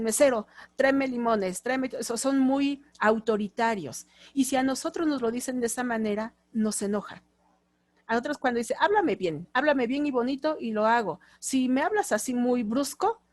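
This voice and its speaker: Mexican woman teaching a class, high voice. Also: darkish tone, no room sound. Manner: explanatory, acts out short quoted lines in different tones. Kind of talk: classroom lecture.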